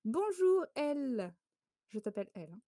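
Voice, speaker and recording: A woman from France runs a casual photo quiz for a live-stream audience. Her voice sits slightly high and sounds close and dry with no room behind it. She chats loosely, laughs often and keeps breaking off to greet viewers. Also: big pitch swings, a little slow, warm tone, no room sound.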